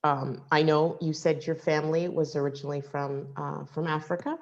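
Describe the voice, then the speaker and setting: A woman's voice: deep voice, fairly even intonation, moderate pace, a little mellow. A woman hosting a casual interview, asking curious questions with small hesitations. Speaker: interview host. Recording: muffled lo-fi audio.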